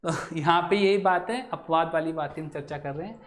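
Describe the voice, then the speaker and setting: A man with a high-pitched voice gives a classroom lesson on grammar. He keeps asking his listeners questions and then answers them himself. He says example words over several times, slowly, so the sounds come through. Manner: repeats example words slowly to show how they sound. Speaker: Hindi grammar teacher. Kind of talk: classroom lecture.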